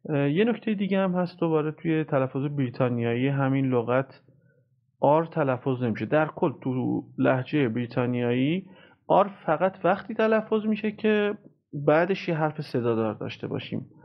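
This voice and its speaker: A man giving a pronunciation lesson, patiently repeating words slowly many times. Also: fairly high pitch, expressive. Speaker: English teacher. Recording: tinny phone-like audio.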